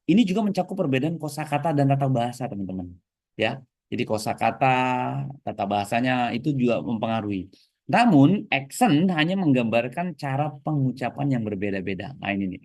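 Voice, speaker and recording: A man with an Indonesian accent and a mid-range voice teaches an English lesson, recorded with clean studio sound and no echo. He's lively, alternating between explaining and prompting the class to repeat after him.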